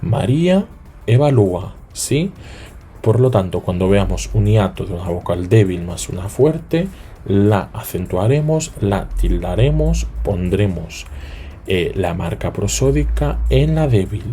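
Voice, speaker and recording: A man's voice: fairly low pitch, big pitch swings, dark tone, slight background noise. A man teaching a lesson, spelling points out and often checking in with rising questions. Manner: repeats and spells out points slowly. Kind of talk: explanatory lesson.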